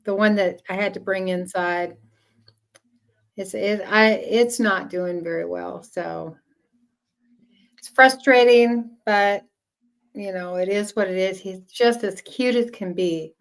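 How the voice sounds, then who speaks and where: A woman chatting casually in a halting way, repeating words as she goes. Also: medium pitch, gravelly. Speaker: small farmer. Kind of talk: casual chat.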